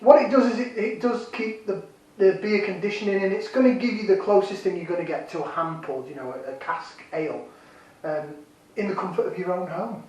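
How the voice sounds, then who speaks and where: A man's voice: sits high, brisk, a little mellow, recorded from a distance. Chatty man in an echoey room. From Yorkshire, England. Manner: chatty, jokey, self-deprecating. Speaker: beer reviewer. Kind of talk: casual vlog review.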